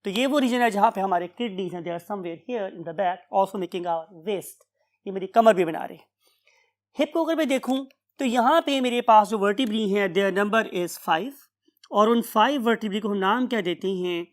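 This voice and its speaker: A woman's voice: medium pitch, normal speed. A woman giving a biology class lecture. She poses questions to her students, answers them herself, checks in with "right?", and drops English terms into her explanation. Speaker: biology teacher.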